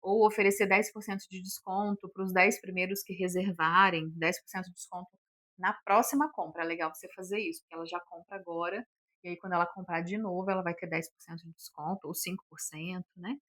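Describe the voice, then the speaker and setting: A woman's voice: fairly low pitch, steady tone, fairly quick, a bit bright. Chatty woman teaching sales tips. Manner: chatty, explains with sample phrases, many fillers. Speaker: sales instructor. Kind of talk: casual online lesson.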